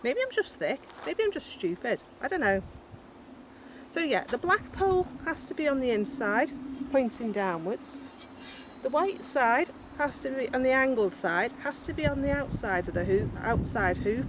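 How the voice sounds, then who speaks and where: A woman's voice: high-pitched, lively intonation, normal speed. A woman with a Scouse accent explaining a garden build in a chatty, blunt, self-deprecating way, recorded outdoors in a rural garden. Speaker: vlogger. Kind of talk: casual how-to narration. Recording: outdoor recording with loud background noise. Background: cows and a passing plane.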